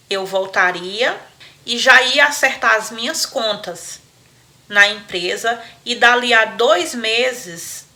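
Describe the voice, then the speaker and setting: A woman host retells a listener's story, breaking off for chatty asides to her audience as friends. Her voice is bright and clear, sitting slightly high. She is animated and laughs easily.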